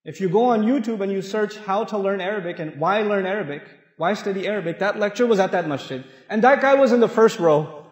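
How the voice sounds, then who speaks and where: Man, middle-aged, from Pakistan, Islamic lecturer, high voice, lively joking storytelling, big hall with long echo. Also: fairly quick. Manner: animated, humorous, acts out voices. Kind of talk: sermon-style talk with storytelling. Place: large mosque hall. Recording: echoey hall with long reverb.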